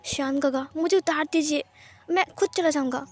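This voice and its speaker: A woman's voice: sits high, normal speed, soft background music, close to an everyday voice. A woman voicing an affectionate young man who speaks tenderly and pleads with his lover. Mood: pleading.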